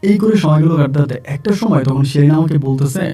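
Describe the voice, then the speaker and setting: A man's voice: on the high side, rapid-fire, dark tone. A man telling his own true-life story in plain, conversational first-person narration, often repeating himself. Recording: distant mic with faint music.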